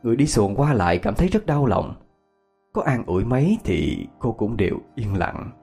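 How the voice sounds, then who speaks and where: A man narrates a horror story in a husky voice. His delivery is expressive and full of rise and fall, with soft music underneath. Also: mid-range voice, normal speed. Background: faint music.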